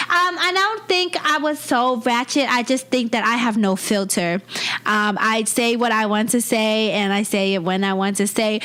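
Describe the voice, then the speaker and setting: A woman in her twenties, born in Vietnam, speaks in a high, sharp voice as a comedian guest recounting her life story in an interview. She's candid and blunt, laughing often.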